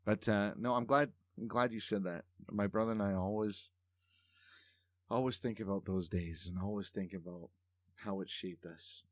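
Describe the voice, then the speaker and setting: A man's voice: fairly low pitch, fairly even intonation, normal speed, dry recording, studio quality. A man hosting a podcast interview, speaking reflectively and earnestly in long thoughtful turns. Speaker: podcast host. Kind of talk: casual interview chat.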